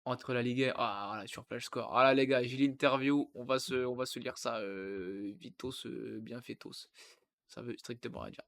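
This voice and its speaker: A man's voice: mid-range voice, steady tone, moderate pace, creaky, a bit bright. A man from the Yonne region of France, older than twenty-five, hosting a casual football livestream. He makes jokey asides and breaks off his own sentences as he reads aloud. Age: over 25. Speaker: football streamer.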